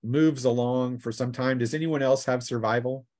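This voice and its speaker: A man serving as game master narrates a tabletop roleplaying session, improvising descriptions with halting pauses. His mid-range voice stays steady and sounds a little mellow.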